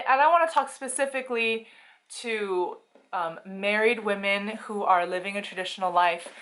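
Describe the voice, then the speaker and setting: A woman's voice: medium pitch, a bit bright, low-quality recording. A woman in her thirties giving an opinionated, stream-of-consciousness monologue at home while putting on her makeup. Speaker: vlogger.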